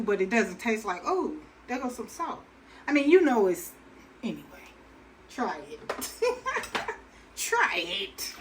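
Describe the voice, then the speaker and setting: A woman's voice: on the high side, a little hiss or hum, rough recording. A woman hosting a casual cooking demonstration, chatting to viewers in a homey way with lots of ums and restarts as she stirs a pot. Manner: talks to viewers while stirring and adding ingredients. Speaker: cooking channel host. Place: kitchen. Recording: kitchen clatter of pots and water.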